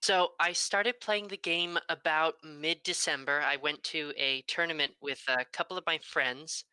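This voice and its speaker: Wisconsin woman, chatty, super bright clear voice. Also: deep voice, steady tone, a little slow, no room sound, rough recording. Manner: chatty storytelling.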